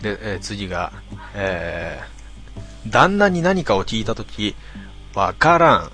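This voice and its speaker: A man casually reading out listener posts and answering each one with dry, deadpan remarks. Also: on the low side, slow, faint music behind. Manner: deadpan, wry retorts between readings. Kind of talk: casual commentary reading comments.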